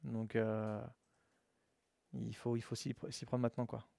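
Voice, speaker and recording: A man's voice: mid-range voice, a little slow, creaky, dry recording. A male coding instructor speaks to his trainees in a classroom. His delivery is loose and full of slang, and his voice sits in a middle register. The sound is close and dry. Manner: relaxed and slangy, addresses students as "les gars". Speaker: web development instructor. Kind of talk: casual live classroom lesson.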